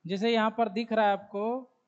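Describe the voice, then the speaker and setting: A man's voice: high voice, little pitch movement, moderate pace, clean tone. A man with a Bihari Hindi accent teaching a biology class. He asks the students questions, answers them himself and repeats key terms as he writes them on the board. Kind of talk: classroom lecture. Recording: dull lo-fi classroom recording.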